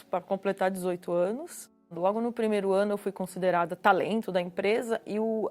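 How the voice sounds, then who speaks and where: A woman's voice: mid-range voice, darkish tone. A woman from Brazil with a Brazilian Portuguese accent, telling her personal testimony earnestly and repeating words for emphasis. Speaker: guest giving a personal testimony.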